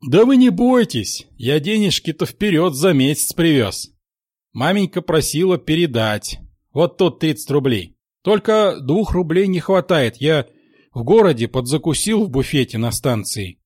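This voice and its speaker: A man voicing a fat, fussing old nanny in a read-aloud story, in a high sing-song old woman's voice. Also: very animated, unhurried, darkish tone, no room sound, clean studio sound. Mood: doting.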